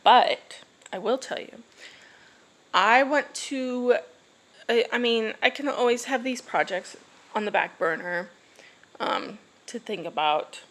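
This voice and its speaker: A woman in her thirties chatting casually to camera for her family vlog, rambling with restarts, sighs and yawns. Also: fairly high pitch. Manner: rambling, halting, yawning, with sighs and laughs. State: drowsy. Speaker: family vlogger.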